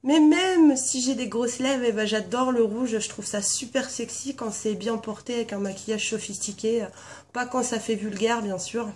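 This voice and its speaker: A hoarse woman chatting casually in a vlog, blunt and frank, rambling with lots of fillers. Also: fairly high pitch, normal speed, a little mellow. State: hoarse from a sore throat. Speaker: vlogger, founder of a paranormal blog team. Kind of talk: casual chat answering a tag. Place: at home with her cat nearby.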